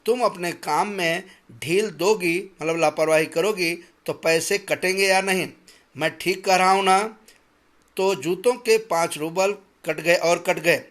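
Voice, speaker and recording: A stern, calculating master of the house who tallies every coin aloud and lectures with heavy, deliberate emphasis, as a man voices him while reading a school story. His voice sits a little high for a man and turns sharp and stammering when his anger boils over. The figure is drawn plainly, close to the reader's own voice. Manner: pedantic, then shouting and stammering in anger.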